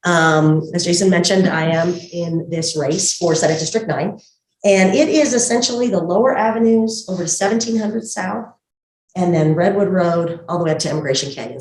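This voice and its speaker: Low voiced lady talking thru a face mask, candidate speech, echoey room. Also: darkish tone. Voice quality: slightly muffled through a face mask. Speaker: political candidate and pediatrician. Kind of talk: campaign introduction speech at a community meeting. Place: indoor community meeting room. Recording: echoey room, far from mic.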